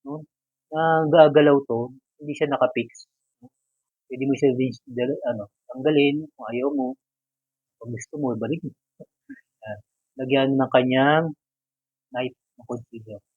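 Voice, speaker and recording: A man's voice: mid-range voice, measured pace, pauses often, slightly rough, no room sound, narrow, tinny audio. A man casually reviewing and unboxing an action figure, chatty and joking, with English words mixed into his talk. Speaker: toy reviewer.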